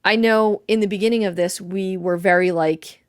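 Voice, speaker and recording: A woman co-hosting a casual podcast, talking things through in a thoughtful, easygoing way with the odd laugh and curse. Her voice sits at a middle pitch. The recording is close and dry, with no room sound. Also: steady tone, normal speed, no echo. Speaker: podcast co-host. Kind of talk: casual chat analyzing a video game. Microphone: desk mic.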